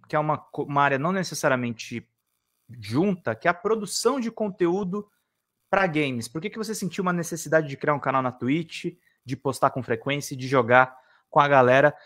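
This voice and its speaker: A man in his thirties with a Brazilian accent, hosting a games news interview from a home office on a studio mic, lively and prone to restarts. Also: on the high side. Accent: Brazilian Portuguese. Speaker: host. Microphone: studio mic on arm, video call.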